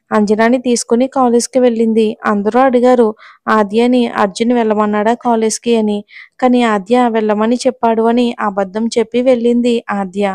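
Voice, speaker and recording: Woman narrating, high and dry. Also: a little mellow, no echo. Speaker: storyteller. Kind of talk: scripted narration of a romance novel.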